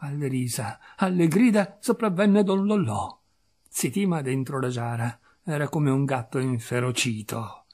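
Husky man reading a story dramatically. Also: mid-range voice, measured pace. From Italy. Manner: dramatic, animated narration. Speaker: narrator. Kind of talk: expressive literary reading.

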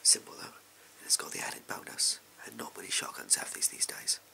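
A young man acts out a sleazy backstreet arms salesman in a whispered role-play with an English accent. The voice is very low and heavily creaky, with a sharp, hissing edge. He pitches his wares in furtive, offhand, clipped phrases. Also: very animated, a little fast, full character voice. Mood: furtive, casual. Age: young adult. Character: shady, amoral backstreet gun salesman, casual and furtive. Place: small indoor room at home. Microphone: close to the camera.

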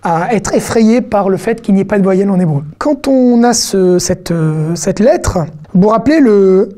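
Woman teacher doing a beginner lesson, warm mellow voice, patient, repeats sounds slow and clear. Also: mid-range voice, lively intonation. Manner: patient, encouraging, repeats syllables slowly for learners. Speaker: Hebrew teacher. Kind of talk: online language lesson.

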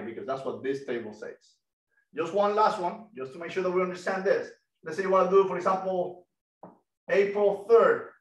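A middle-aged man with a Cuban Spanish accent giving an energetic online math lesson and quizzing students over a video call headset. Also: high voice, echoey room, low-quality recording. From Cuba. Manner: energetic, asks students questions. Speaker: guest lecturer.

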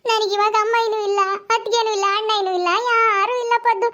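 A woman's voice: extremely high pitch, little pitch movement, a little fast, pushed and bright. A sorrowful village wife, as a woman acts her out. She laments with frequent sighs and hums of grief. This is a homespun village comedy skit. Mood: lamenting. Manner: tearful, lamenting, sighs often.

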